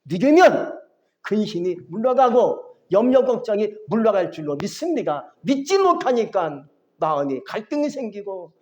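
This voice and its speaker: A man preaching a sermon as a pastor, lively, often asking the congregation questions and acting out biblical voices. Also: high-pitched, normal speed.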